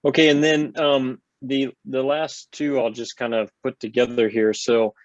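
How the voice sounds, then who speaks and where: Casual Texan moderator, dull dry audio. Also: male voice, mid-range voice, little pitch movement, unhurried, dry recording. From Texas. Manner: casual, fills with "you know" and "I mean". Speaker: webinar moderator. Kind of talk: moderating a webinar Q&A.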